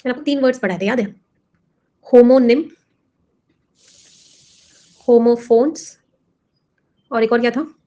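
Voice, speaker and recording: A woman teacher with a slightly high voice runs an exam-prep lesson. She explains in Hindi mixed with words and keeps putting questions to her students. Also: a little slow, long pauses, mellow, lo-fi sound. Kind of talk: classroom lesson.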